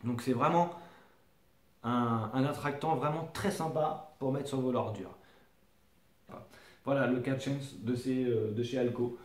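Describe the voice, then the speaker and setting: A man from France talks casually to his viewers about fishing gear in an echoey room. He hesitates often, restarts his sentences and fills the gaps with little fillers. His voice sits at an ordinary middle pitch. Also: measured pace, long pauses, a little mellow. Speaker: fishing vlogger presenting lures. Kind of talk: casual talk to camera.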